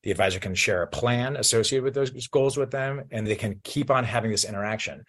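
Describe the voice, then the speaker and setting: A man's voice: mid-range voice, a little fast, fairly bright tone. A man explaining his work conversationally as an interview guest. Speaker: guest, financial industry professional.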